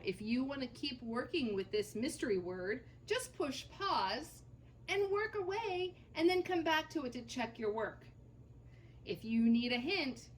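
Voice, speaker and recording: A woman teacher leading a children's phonics lesson, sounding out letters slowly and encouragingly. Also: a little high, slight background noise.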